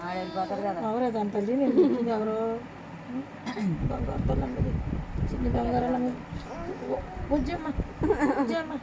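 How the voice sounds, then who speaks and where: A woman's voice: on the high side, fairly quick, pauses often, lo-fi sound, heavy background noise. An older woman, a grandmother, playfully teasing and mock-threatening a small child in a family garden. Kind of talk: casual family chat.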